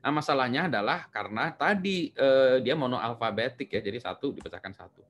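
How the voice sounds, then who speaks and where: A middle-aged man with an Indonesian accent giving a university lecture, relaxed and chatty, with many fillers and tag questions. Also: mid-range voice, fairly quick. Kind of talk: recorded lecture.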